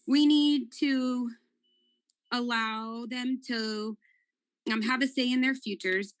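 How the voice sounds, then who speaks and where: A woman's voice: on the high side, a bit bright. A woman, a parent, making an earnest public comment at a school board meeting over a video call, with repeated appeals.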